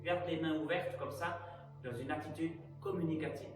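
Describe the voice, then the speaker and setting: A high-pitched man leads an aikido warm-up, calmly talking students through each breath and movement. He is heard from a distance in a very echoey room, with faint music in the background. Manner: calm, measured cues for breathing and movement. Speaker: aikido instructor. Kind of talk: guided exercise instruction.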